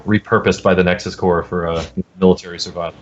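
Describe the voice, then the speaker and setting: Brief: male game developer and podcast host, loose and jokey, lowish voice, muffled recording. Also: little pitch movement, quick pace. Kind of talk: casual podcast chat. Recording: dull lo-fi recording.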